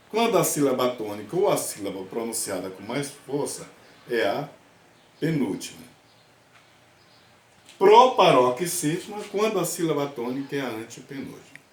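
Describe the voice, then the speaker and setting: A man's voice: mid-range voice, slight background noise. A male language teacher giving a remote class, explaining step by step and often checking in with his students. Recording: roomy echo.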